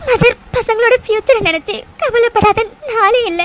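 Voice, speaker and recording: A woman's voice: very high voice, noisy background. Woman voicing a tearful young cartoon heroine. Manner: tearful, halting and hesitant. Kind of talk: cartoon voice acting.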